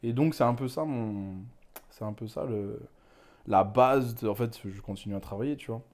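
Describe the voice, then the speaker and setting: A young man from West Africa speaks as an interview guest, with a medium-pitched voice. He talks in a loose, reflective way, circling back and adding little asides as he thinks. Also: moderate pace, darkish tone. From Ghana, West Africa. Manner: rambling, reflective, frequent "tu vois". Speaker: manga author guest. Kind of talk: candid conversational interview.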